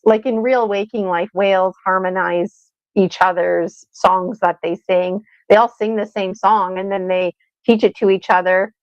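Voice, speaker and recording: A woman's voice: mid-range voice, dry recording. Chatty woman on a dull-sounding line. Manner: chatty, rambling, laughing at herself. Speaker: podcast host. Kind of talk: casual chat on a live video podcast.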